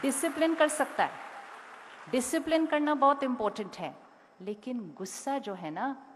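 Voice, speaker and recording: A woman's voice: high voice, moderate pace, slight background noise. Woman speaker in an echoing hall. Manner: directly questions and instructs the audience. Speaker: motivational speaker. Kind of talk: talk to a school audience. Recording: long hall reverb.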